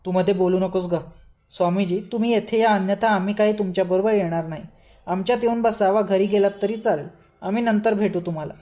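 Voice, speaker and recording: A shrewd older man speaks firmly and sensibly, explaining his reasoning step by step. A woman reads him aloud. Her voice is mellow and soft. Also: medium pitch, fast talker, natural voice. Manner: firm, level-headed, explaining. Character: shrewd, calm older man, devoted disciple.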